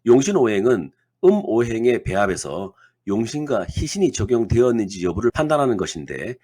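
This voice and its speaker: A man delivers a scripted lecture, stepping through lists one item at a time. His voice is husky and slightly rough, and his pitch rises and falls in a lively way. He keeps an even, explanatory tone throughout. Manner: measured, reads lists item by item. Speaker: naming-theory lecturer.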